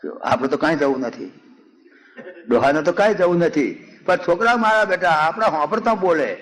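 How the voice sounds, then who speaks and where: Older man, Gujarati accent, spiritual discourse, folksy storytelling, slow chanted verses, fairly high voice. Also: a bit bright, rough recording. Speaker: spiritual speaker. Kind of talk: Ramayana discourse with humor and chanting.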